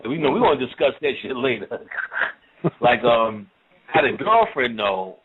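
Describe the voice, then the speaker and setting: A man's voice: mid-range voice, big pitch swings, normal speed, slightly rough. A man giving a casual, profane spoken lecture on the occult, talking in a loose, rambling way and often asking "you know what I'm saying?". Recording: tinny phone-like audio.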